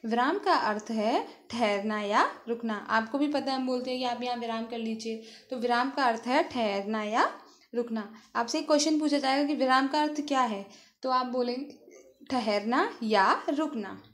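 A woman, a school teacher giving a grammar lesson to her students, explaining slowly and asking them questions she then answers herself. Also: fairly high pitch, a bit bright.

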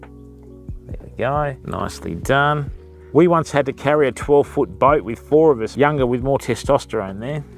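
A middle-aged Australian man live-streams from a kayak on a river, giving chatty fishing commentary and tips while talking to himself and addressing his viewers as people. His medium-pitched voice is animated and moderately paced, recorded by a kayak-mounted action camera outdoors, with soft background music.

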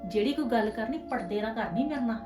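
A woman's voice: fairly high pitch, expressive, quick pace, recorded from a distance, lightly acted. A woman playing a bossy scheming aunt. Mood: coaxing. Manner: persuasive, keeps asking for agreement. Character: bossy scheming middle-aged aunt, matchmaker. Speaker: scheming aunt arranging a match. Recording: echoey room, voice from afar, music behind.

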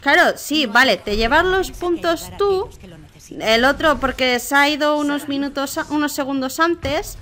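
A woman from Spain commenting casually on her own gameplay, chatting with viewers and crying out loudly when things go wrong. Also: high voice, a little slow. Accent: Spain Spanish. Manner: chatty, reacts loudly with exclamations and cries for help. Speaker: gaming streamer.

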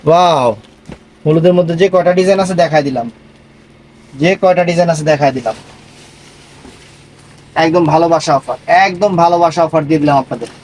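Male online seller, high-pitched, emphatic repetitive live pitch. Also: a little fast, pauses often, darkish tone, a little hiss or hum, low-quality recording.

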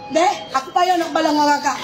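A woman's voice: high-pitched, brisk, loud music behind the voice. A woman scolding store staff in a heated confrontation, angry and repetitive. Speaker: angry customer and mother. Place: convenience store.

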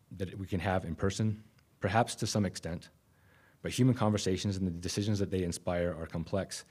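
A man, giving a conference keynote from a podium microphone in a conference room, measured and with frequent restarts. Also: low voice, a little mellow, slightly rough. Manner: measured, self-correcting restarts. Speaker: keynote speaker.

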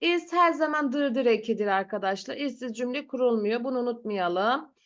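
A woman's voice: on the high side, animated, normal speed, lo-fi sound. A woman teaching a language class, patiently repeating words and drilling pronunciation in an online lesson. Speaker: German teacher. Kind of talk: slow teaching with repetition.

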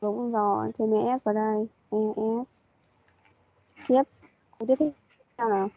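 A woman's voice: fairly high pitch, fairly even intonation, moderate pace. A woman teaching an online English class, patiently prompting and repeating her questions over a video call. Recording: dull lo-fi meeting audio.

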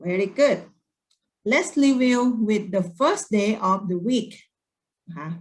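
Thai lady teacher, slow and gentle, drilling english words with little kids. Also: on the high side, lively intonation. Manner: slow, drawn-out English drilling with repeat-after-me; gentle, encouraging teacher talk to children. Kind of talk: children's English lesson.

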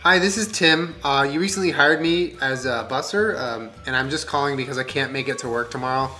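A man's voice: medium pitch, brisk, sharp tone, soft background music. A young man bantering casually and making joking prank calls in a small room. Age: young adult. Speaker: prank caller, co-host.

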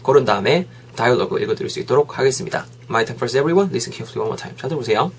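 A man teaching English phrases in a lively way, saying each sentence slowly for learners to repeat. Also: medium pitch, a little hiss or hum. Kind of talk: English lesson.

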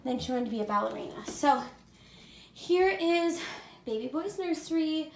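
Pregnant woman, casual home vlog, high voice, vocal fry, faint background hiss. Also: animated, normal speed. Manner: chatty, rambling, many ums and likes. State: pregnant, at times out of breath. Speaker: vlogger. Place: indoors at home, walking room to room.

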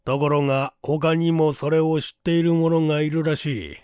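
An actor playing a shrewd, shabby 97-year-old man who talks in slow, folksy old-man speech in an audiobook drama. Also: fairly high pitch, a little mellow, clear, resonant tone, no echo, studio quality, close to an everyday voice. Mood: confiding.

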